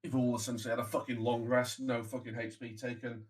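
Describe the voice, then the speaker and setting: Male game master, mid-pitched, casual and sweary, jokes bluntly while narrating. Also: little pitch movement, fast talker.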